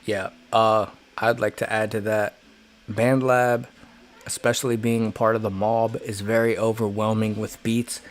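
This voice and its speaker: A man's voice: on the low side, flat delivery, unhurried. A man hosting a casual livestream chat, rambling and joking at his own expense. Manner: rambling, joking, self-deprecating. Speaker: livestream host.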